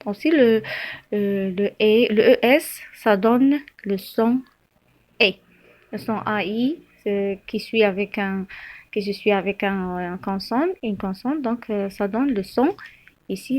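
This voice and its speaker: A woman teacher, explaining spelling slowly, with frequent fillers and self-corrections. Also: medium pitch, a little mellow. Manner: slow, halting, many fillers and self-corrections. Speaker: French teacher. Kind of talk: spelling lesson.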